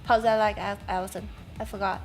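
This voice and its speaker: A woman's voice: medium pitch, flat delivery, a little fast. A woman streamer in casual chat, speaking hesitantly and searching for her words.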